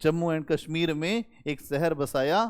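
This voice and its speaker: A male history teacher giving a lively, conversational classroom lecture and talking straight to his students. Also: on the high side, moderate pace, clear, resonant tone. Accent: Hindi-speaking North Indian. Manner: animated, conversational, addresses students directly.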